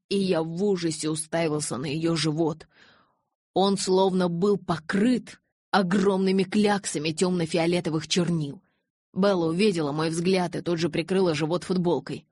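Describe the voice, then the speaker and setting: A woman narrating an audiobook in the first person, measured and restrained. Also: fairly low pitch, steady tone, darkish tone, husky, dry recording, studio quality.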